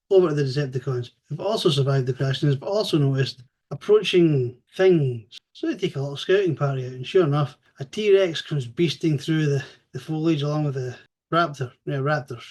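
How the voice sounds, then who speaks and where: A man's voice: medium pitch, darkish tone. A man hosting a show, giving a casual, rambling spoken review with a chatty, sometimes crude manner and frequent self-corrections. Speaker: host reviewing an animated series.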